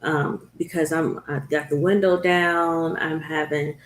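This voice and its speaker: A woman's voice: low-pitched, flat delivery, roomy sound, slight background noise. A woman talk show host telling the story of her own illness in an earnest, conversational way. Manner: earnest, storytelling, slows down at hard moments.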